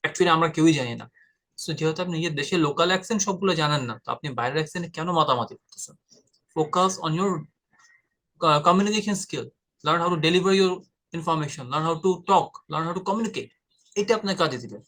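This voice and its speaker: A man's voice: on the high side, animated, normal speed, a bit bright. A man from Bangladesh teaching an exam-prep lesson in a direct, informal way, addressing the viewer as brother. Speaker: IELTS tutor. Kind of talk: casual explanatory lesson.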